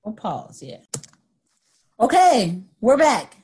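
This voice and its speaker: A woman's voice: fairly high pitch, huge pitch swings, slow pace, darkish tone, breathy edge. A woman in her thirties co-hosting a podcast, joking about a TV show in sassy, profane banter. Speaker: podcast co-host. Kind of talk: casual chat recapping a TV show.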